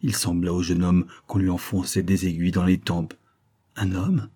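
A man narrating a classic novel as an audiobook, in a steady, measured storytelling manner. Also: low voice. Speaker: audiobook reader.

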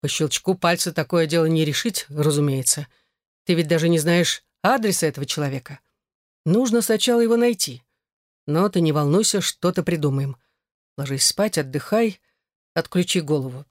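A reader doing a self-assured male boss in an audiobook, calm and reassuring. The recording is dry and close, and the voice stays near the reader's own. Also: mid-range voice, normal speed, dry recording, close to an everyday voice. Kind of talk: audiobook character reading.

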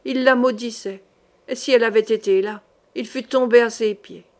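Woman narrating a historical novel, slightly high voice. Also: fairly even intonation, moderate pace. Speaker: audiobook reader.

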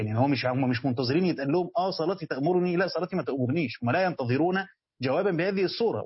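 A man with an Egyptian Arabic accent gives a rapid classroom lesson on Quran commentary, keeping up a quick back-and-forth of questions to his students. His voice is slightly higher than most men's and somewhat husky. The recording sounds dull and lo-fi. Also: dry recording. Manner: explains by asking students questions and answering them. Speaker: religious teacher.

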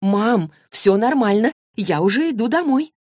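A woman voicing a stubborn, sharp-tongued teenage girl in an audiobook, pitching up and speaking emphatically. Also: expressive, unhurried, no room sound, clean studio sound. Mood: frightened, frantic. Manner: pitched higher than the narration, emphatic. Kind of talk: audiobook character voice.

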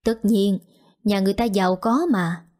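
A woman's voice: medium pitch, steady tone, moderate pace, mellow, natural voice. A woman voicing a shrewd, businesslike older village matchmaker in an audio story. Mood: persuasive.

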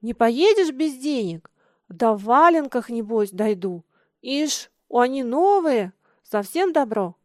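A woman's voice: on the high side, expressive, slow pace, no room sound, clean studio sound. Brief: a woman playing a proud stubborn village boy, plain-spoken and curt. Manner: blunt, scornful, plain-spoken. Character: proud peasant boy Misha, stubborn and blunt.

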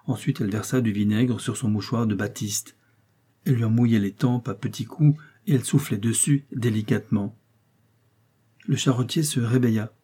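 A man reading a classic novel aloud as audiobook narration, steady and measured. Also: mid-range voice, husky. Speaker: audiobook reader.

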